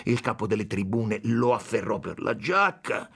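A man narrates an audiobook with a dramatic, expressive delivery. His voice has a husky grain and moves through a wide, animated range of pitch. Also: normal speed.

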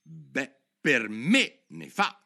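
A man's voice: on the high side, wildly swooping pitch, normal speed, a bit bright, pitched above the performer's own voice, heavily acted. A man voicing an earnest, indignant young girl in a storybook. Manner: indignant, protesting.

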